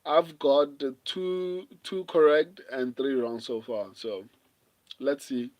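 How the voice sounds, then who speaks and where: Slow-talking man. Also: mid-range voice. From South Africa. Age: 30s. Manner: relaxed, reads viewer comments aloud and chuckles. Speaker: livestream host. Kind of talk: casual watch-along commentary.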